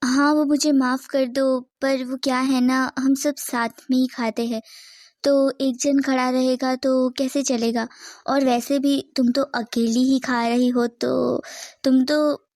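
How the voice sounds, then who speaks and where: A woman's voice: high voice, flat delivery, slow, darkish tone, dry recording. A woman voicing a polite but stubborn teenage schoolgirl in a fan cartoon, pleading and then heated.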